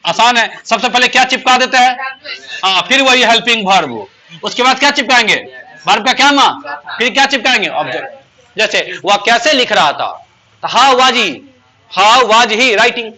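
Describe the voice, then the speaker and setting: A man teaches grammar to a class. His voice sits high and sounds sharp and forceful. He peppers his pupils with questions and slows right down to stress each English example sentence. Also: lively intonation. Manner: asks pupils constant rhetorical questions; says English example sentences slowly and emphatically.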